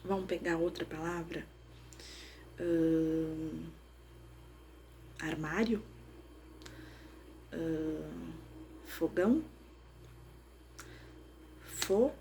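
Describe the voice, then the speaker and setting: Slow, patient woman teaching phonics. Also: low voice, steady tone, gravelly, a little mellow, a little hiss or hum. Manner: slow, patient, sounding out letters and syllables. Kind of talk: explaining phonics to children.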